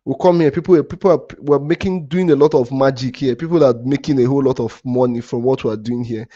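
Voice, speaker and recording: A man's voice: medium pitch, a little fast, dark tone, dry recording, highs cut off. A man hosting a crypto trading livestream, talking to his chat and breaking into heated, profane rants at a viewer, with many repeats and restarts. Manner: heated, swearing rant at a viewer; repetitive, restarts often. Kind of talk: live stream talk to chat.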